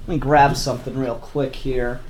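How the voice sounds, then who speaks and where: A man hosting a casual live-stream comic review, chatty and animated, with a stuffed-up nose. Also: mid-range voice, normal speed, a little hiss or hum. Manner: chatty and animated, mock-grumpy asides. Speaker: comic book reviewer and YouTuber.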